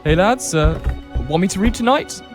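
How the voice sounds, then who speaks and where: A man voicing a cheerful, naive gentleman pirate captain who talks eagerly and stammers, with music behind. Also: sits high, lively intonation, normal speed. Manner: eager and hesitant, with stammering fillers. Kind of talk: comedic history video voice acting. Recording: music in the background.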